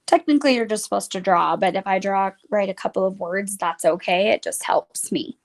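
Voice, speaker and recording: Her mid-range voice runs a little fast as this young woman leads a phonics lesson for children. She keeps it chatty and casual, using "like" frequently while drawing.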